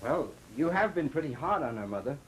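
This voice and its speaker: Defensive young husband, swooping intonation. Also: male voice, fairly high pitch, very animated, a little fast. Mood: pleading. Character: weak, defensive young husband dependent on his mother. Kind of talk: vintage film drama acting. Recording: noisy old film soundtrack.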